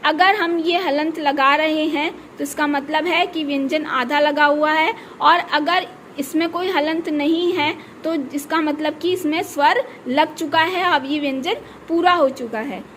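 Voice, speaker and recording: A woman's voice: sits high, fairly even intonation, a little slow, a bit bright, a little hiss or hum. A woman teacher explaining a grammar lesson step by step, often checking in with her class. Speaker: school teacher.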